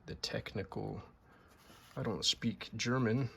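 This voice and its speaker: Casual male restorer, lowish voice, chatty and repetitive, noisy room with typing clicks. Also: slow, creaky. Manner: rambling, repeats words, enthusiastic. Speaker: typewriter restorer. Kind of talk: casual show-and-tell.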